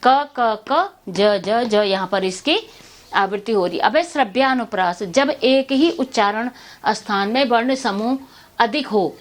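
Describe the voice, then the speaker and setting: A woman's voice: on the high side, measured pace. A woman teaching a Hindi grammar lesson to students, repeating terms and asking herself questions before she answers them.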